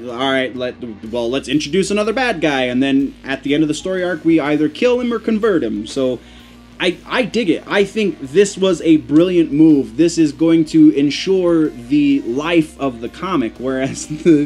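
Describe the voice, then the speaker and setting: A young man vlogging comic book news to camera from a small room full of collectibles, chatty and animated, often restarting and correcting himself. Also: on the high side. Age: young adult. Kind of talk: casual news chat to camera.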